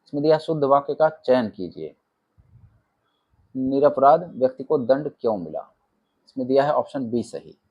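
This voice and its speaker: A man with a somewhat husky voice and a middle pitch leads an exam-prep lesson. He reads each set of options in a row, then plainly names the right one before moving to the next question. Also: moderate pace, pauses often, highs cut off. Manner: reads options, then states the answer flatly. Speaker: exam coaching teacher. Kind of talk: rapid-fire quiz answer walkthrough.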